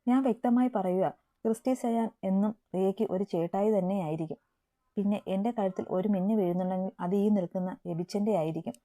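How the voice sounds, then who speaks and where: A woman's voice: mid-range voice, fairly quick, mellow, lightly acted. A woman reading the part of an emotional young woman in love in an audio story. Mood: defiant.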